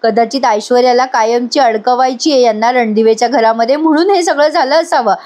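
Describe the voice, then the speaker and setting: Chatty woman narrator, high-pitched, lively, speaks straight to viewers. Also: brisk. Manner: lively, addresses viewers, laughs at scenes. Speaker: serial recap narrator. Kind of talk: chatty storytelling recap.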